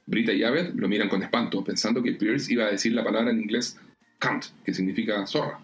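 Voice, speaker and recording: A man casually narrating sitcom scenes with animated, chuckling asides. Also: fairly low pitch, fairly quick, soft background music.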